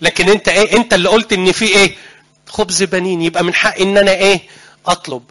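A man's voice: sits high, steady tone, very fast, bright, forceful tone. A man with an Egyptian accent voicing the Canaanite woman from the Gospel, pleading insistently and reasoning her case. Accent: Egyptian Arabic.

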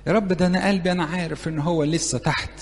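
Egyptian male preacher, fairly high voice, chatty sermon that quizzes young listeners, long hall reverb. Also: fairly even intonation, rapid-fire. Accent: Egyptian Arabic. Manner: conversational, playful, keeps asking the audience questions. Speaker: church preacher teaching youth. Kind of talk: interactive sermon.

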